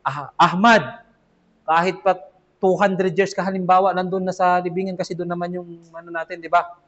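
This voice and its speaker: A man teaches a weekly class in a mosque, his voice sitting high. He talks casually and keeps checking in with his listeners. The recording is dull and lo-fi. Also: fairly even intonation, normal speed. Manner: conversational, asks "di ba?" often, acts out children's replies. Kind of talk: casual Islamic lesson.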